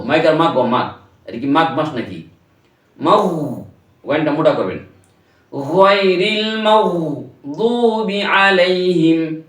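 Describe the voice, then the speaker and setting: A man teaching Quran recitation, patiently explaining pronunciation and then demonstrating it in slow, drawn-out chanting. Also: a little high, roomy sound, far from the mic.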